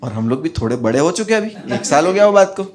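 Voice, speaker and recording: A man doing stand-up, telling a childhood story in an animated way and acting out his friends' voices. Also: fairly high pitch, fast talker. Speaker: stand-up comedian.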